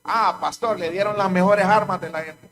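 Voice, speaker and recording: A man's voice: high-pitched, fairly even intonation, brisk, fairly bright tone, a little hiss or hum. A man with a Honduran accent preaching a sermon to a church congregation, repeating key lines with emphasis. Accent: Honduran Spanish. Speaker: pastor.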